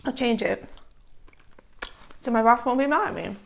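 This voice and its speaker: A woman's voice: a little high, moderate pace, gravelly. A woman hosting an eating show, telling stories in casual chat and chewing while talking, with savoring hums between phrases. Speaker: mukbang host.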